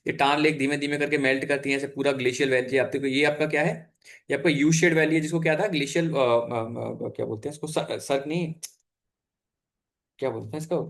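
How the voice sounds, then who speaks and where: A man's voice: medium pitch, steady tone, fairly quick, gravelly. A young adult man teaching an exam-prep geography lesson over slides in a casual, chatty way, full of fillers and self-corrections. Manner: chatty, frequent fillers and self-corrections, mixes in English terms.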